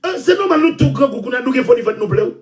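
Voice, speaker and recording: A man with a Haitian Creole accent, ranting loudly and repeating himself. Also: extremely high pitch, animated, brisk, far from the mic, faint music behind. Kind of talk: impassioned rant.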